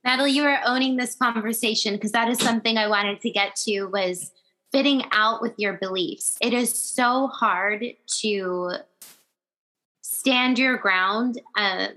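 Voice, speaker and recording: A woman's voice: fairly high pitch, sharp tone, rough recording. A woman in her thirties hosting a podcast, chatting earnestly and laughing often. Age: 30s. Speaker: podcast host. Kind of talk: casual chat.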